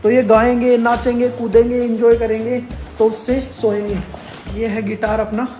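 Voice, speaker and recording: A man talking casually to viewers in a playful, drawn-out way. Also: extremely high pitch, level tone. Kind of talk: casual vlog talk with playful singing. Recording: echoey room with loud music. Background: loud music.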